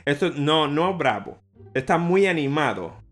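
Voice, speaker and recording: A man's voice: on the high side, very animated, unhurried, fairly bright tone, faint music behind. A young man from Maracaibo with a Venezuelan Maracucho accent, explaining local slang in a casual, playful chat and often laughing.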